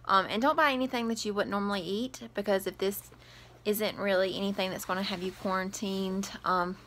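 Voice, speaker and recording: A woman's voice: medium pitch, steady tone, fairly quick, a bit bright. A young woman from the South, chatting casually through a grocery haul vlog with plenty of ums. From American South. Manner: chatty, advice-giving, many ums. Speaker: vlogger. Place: home kitchen, indoors.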